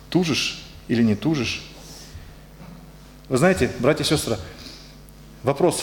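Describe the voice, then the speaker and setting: A medium-pitched man delivers a sermon in a conversational style, pausing to find his words and asking the congregation questions. The setting is an echoey church hall with faint ambient sound, and there's slight hiss or hum on the recording.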